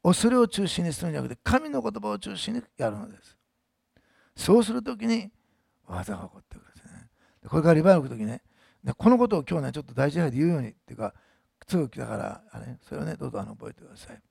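A male pastor delivering a fervent sermon, his voice pitched high with a gravelly edge. He leads the congregation in repeat-after-me declarations and builds to loud proclamations. The recording is dry, with little room sound. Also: big pitch swings, fast, no room sound.

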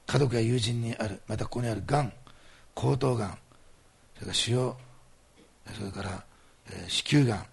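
Leading a fervent healing prayer, a pastor delivers commanding declarations and earnest, coaxing appeals to his listeners. His voice sits on the low side and sounds gravelly and husky.

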